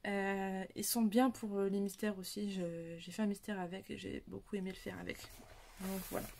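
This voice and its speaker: A woman's voice: medium pitch, little pitch movement, moderate pace, gravelly, darkish tone, slight background noise. A young woman, chatting casually about her coloring supplies, rambling with many fillers and restarts. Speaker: coloring hobby vlogger. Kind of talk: casual chat showing supplies.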